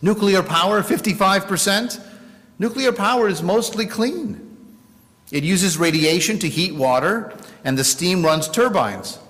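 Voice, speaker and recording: A man's voice: high-pitched, animated, fairly bright tone. Wry male speaker in a reverberant hall. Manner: wry, measured delivery with dry jokes. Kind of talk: sermon.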